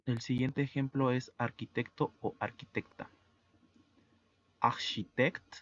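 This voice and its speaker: A man teaching French to Spanish speakers, explaining pronunciation slowly and methodically, letter by letter. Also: on the low side, steady tone, creaky, lo-fi sound. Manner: slow, methodical, spells out sounds letter by letter. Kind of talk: online language lesson.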